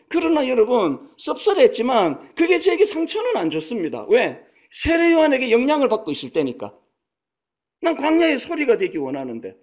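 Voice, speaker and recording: A man in his sixties preaching a sermon as a pastor, in a conversational storytelling manner that acts out quotes. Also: extremely high pitch. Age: 60s. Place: church sanctuary.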